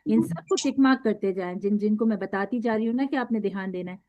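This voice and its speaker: A woman's voice: mid-range voice, quick pace. A woman teaching a recitation class, patiently drawing out syllables one by one for her students to repeat. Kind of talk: classroom instruction. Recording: dull lo-fi recording.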